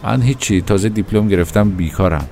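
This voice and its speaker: A man voicing a lanky young male conscript, just out of school, who speaks quietly and dryly. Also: low-pitched, creaky, faint music behind.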